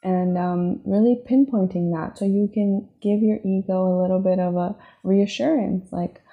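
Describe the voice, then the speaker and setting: Woman, podcast host, reflective monologue, encouraging, gravelly fry, tinny phone-like audio. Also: medium pitch, steady tone, normal speed. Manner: gentle, encouraging, many fillers like "right?" and "you know". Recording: phone-like narrow sound.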